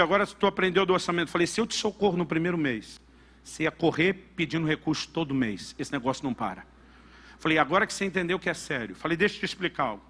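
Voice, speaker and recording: A middle-aged Brazilian pastor preaches in an emphatic storytelling style, acting out the voices of his family as he goes. His voice is bright and forceful, and it sits a little high for a man. He speaks with a Brazilian Portuguese accent. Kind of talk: sermon.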